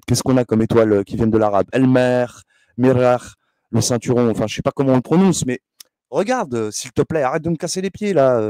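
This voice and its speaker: A man's voice: mid-range voice, dark tone, dry recording. A man hosting a rambling esoteric monologue, hesitant and often scolding, with frequent fillers. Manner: heated, scolding, lots of hesitations. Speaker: channel host.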